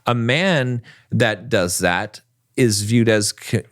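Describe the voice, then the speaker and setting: A man's voice: on the low side, slow, no room sound, clean studio sound. A man co-hosting a relationship podcast, talking emphatically and tagging his points with "right?". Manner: emphatic, keeps asking "right?". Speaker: podcast co-host. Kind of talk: relationship advice podcast talk.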